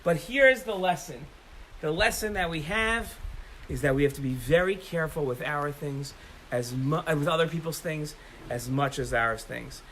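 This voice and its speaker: A man telling a story to children with animated, emphatic delivery, outdoors in the rain. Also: on the high side, moderate pace, a little hiss or hum, rough recording.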